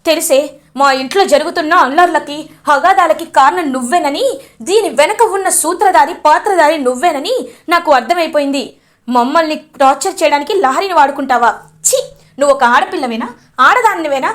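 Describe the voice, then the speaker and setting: A woman voicing a furious young wife who shouts and scolds her rival. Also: sits high, fairly quick, close to an everyday voice.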